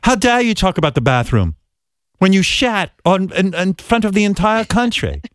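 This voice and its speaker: Scolding female British interviewer, put on by a man, slow, outraged, lively pitch, dry sound. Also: dry recording.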